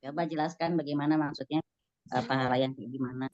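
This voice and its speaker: A woman giving a casual religious study talk, lively and acting out quoted voices. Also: very deep voice, fast talker, no echo. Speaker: religious teacher. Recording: dull dry lo-fi recording.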